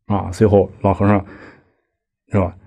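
In a lecture hall, a man lectures on Buddhist practice, reading an old text line by line and explaining each in everyday words. His voice is deep, mellow and slightly husky, with a completely flat delivery at a measured pace. He adds conversational asides and keeps turning to his listeners with rhetorical questions.

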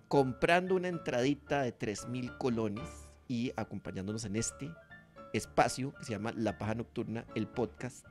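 A Costa Rican man co-hosting a comedy podcast, chatting casually and reading the show's plug. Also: mid-range voice. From Costa Rica. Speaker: podcast co-host.

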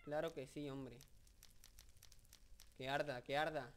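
A young man with a Spain Spanish accent giving casual, rambling video game commentary, joking and excitable, with many fillers. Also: on the high side, slow pace, slight background noise. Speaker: gameplay commentator.

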